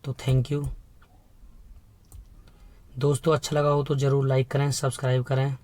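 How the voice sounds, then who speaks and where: A man's voice: mid-range voice, monotone, measured pace, darkish tone, no room sound. A man teaching an exam-prep lesson in Hindi mixed with English terms, asking rhetorical questions and repeating key points with emphasis.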